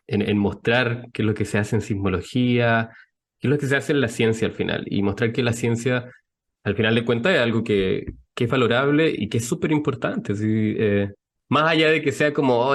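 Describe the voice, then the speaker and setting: A young man with a Chilean accent talks as a podcast guest. He explains things patiently and thoughtfully. His voice sits at an ordinary middle pitch. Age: young adult. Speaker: guest scientist. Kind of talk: podcast interview.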